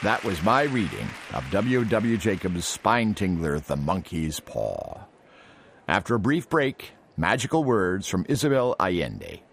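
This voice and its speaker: A radio host with a very low, gravelly voice closes out a segment. His delivery is measured yet lively in its rise and fall. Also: a crowd in the background, noisy background. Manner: measured, announcer-like sign-off. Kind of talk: program announcement.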